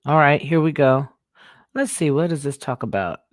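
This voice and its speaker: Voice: medium pitch, expressive, no room sound, studio quality. Rambling livestream host reading chat aloud. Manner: rambling, restarts sentences, thinks aloud; talks back to chat with quick affirmations. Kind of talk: casual livestream talk, reading viewer comments aloud.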